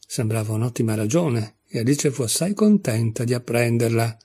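Male storybook narrator, calm, measured, dark husky voice. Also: mid-range voice. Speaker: audiobook reader.

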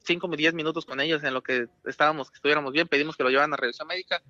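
A man, relative of a freed kidnapping victim, talking haltingly on a phone interview and repeating himself as he thanks God. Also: a little high, steady tone, bright, forceful tone, no echo, dull audio.

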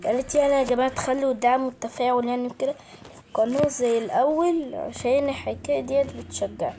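A woman's voice: sits high, fast, mellow, a little hiss or hum. A woman with an Egyptian Arabic accent hosting a horror game let's-play, chattering nervously and yelping when startled. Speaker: gaming channel host. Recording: game music clearly behind the voice.

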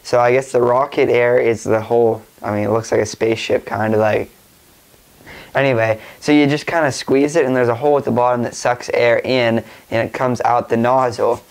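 A man's voice: mid-range voice, fairly even intonation, brisk, rough recording. A young man with a stuffy nose from a cold, rambling casually through a tech vlog with lots of fillers and restarts. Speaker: tech vlogger.

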